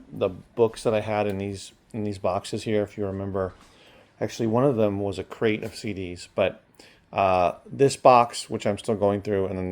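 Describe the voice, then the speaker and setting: In a casual chat, an online reseller and bookstore owner talks off the cuff, rambling along with trailing asides. His voice is fairly low and a little mellow.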